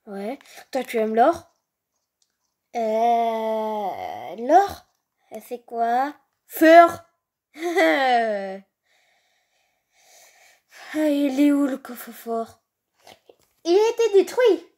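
A woman's voice: on the high side, very animated, very slow, pauses often, darkish tone. A woman with a youthful voice doing improvised, slangy, exclamatory role-play over video game footage. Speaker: gaming video creator voicing characters. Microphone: handheld phone filming a screen.

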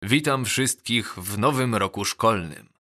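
A man reads a bull-like headmaster addressing the school in an audiobook. The speech is formal and official, unhurried and low, with a bright, firm edge.

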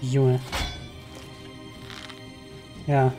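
A man commenting live on his video game, chatty and excitable, often exclaiming. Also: medium pitch, very slow. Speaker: let's play gamer. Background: game music.

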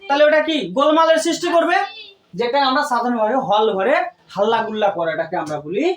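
A woman tutor, talking fast in a slightly high voice, leads a classroom lesson step by step and keeps questioning her students. The tuition-classroom recording is echoey, with a distant mic and faint noise.

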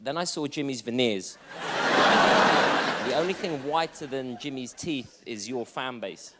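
A man's voice: medium pitch, unhurried. A man trading cheeky, self-deprecating roast jokes on stage before a live audience. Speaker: roast battle comedian. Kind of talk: stand-up roast insults. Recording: loud crowd and noise.

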